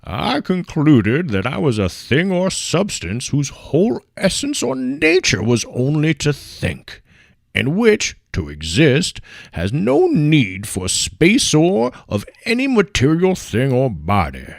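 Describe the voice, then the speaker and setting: A man's voice: a little high, wildly swooping pitch, slow, creaky, dry recording, clean studio sound, pitched above the performer's own voice, full character voice. A man doing an old-timey voice as a stately male orator, declaiming in a theatrical way. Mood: grandiose.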